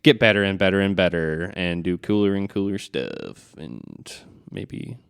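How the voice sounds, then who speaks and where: Smooth-voiced casual male podcast host. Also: low voice, big pitch swings, unhurried. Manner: rambling, enthusiastic, jokey. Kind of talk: casual chat.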